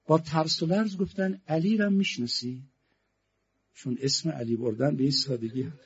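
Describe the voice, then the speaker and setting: A middle-aged man preaching a mourning sermon, telling a story that moves from hushed narration to loud, lamenting passages. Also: expressive, slightly rough, lo-fi sound. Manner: starts hushed, builds to loud, high-pitched lament.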